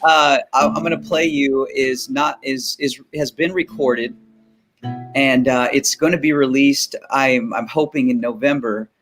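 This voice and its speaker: A man's voice: mid-range voice, fairly even intonation, a little slow, a bit bright, soft background music. A man, a singer-songwriter guest, telling a casual story with many fillers and restarts.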